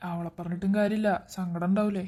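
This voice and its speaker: A woman's voice: medium pitch, steady tone, fast, warm tone, lightly acted. A woman voicing a distressed young man in a cartoon drama, comforting others while stammering in shock. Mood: shaken. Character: distressed young man, caring older brother type.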